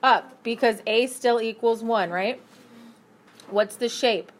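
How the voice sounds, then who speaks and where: A woman teaching a math class, brisk and upbeat, asking her students questions as she works through problems. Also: fairly high pitch, slight background noise. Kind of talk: classroom lesson.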